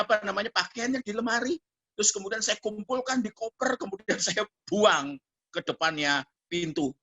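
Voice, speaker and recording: A man's voice: bright, forceful tone, husky, heavily acted. A male pastor voicing a distraught young woman who pleads that she is ashamed. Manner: high, wailing and pleading.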